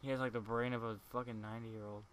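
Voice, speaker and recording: A man with a bright, forward voice rattles off loose commentary as he plays, cursing and ribbing his friends. A faint hum of noise sits under him. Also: medium pitch, level tone, quick pace. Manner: swears freely, teasing. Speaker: let's play gamer. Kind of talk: casual gaming chat.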